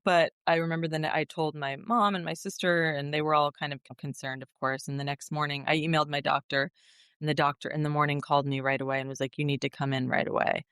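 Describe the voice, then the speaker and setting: Woman in her thirties, podcast guest, earnest, emotional, smooth clear voice, dry close sound. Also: low voice, flat delivery, fast, fairly bright tone, dry recording. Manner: earnest, emotional, many fillers and restarts. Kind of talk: personal storytelling interview.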